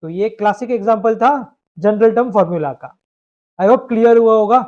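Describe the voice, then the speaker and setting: High-voiced man teaching math. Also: moderate pace. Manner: explains step by step, asks students to confirm. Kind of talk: live online lecture. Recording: dull lo-fi stream audio.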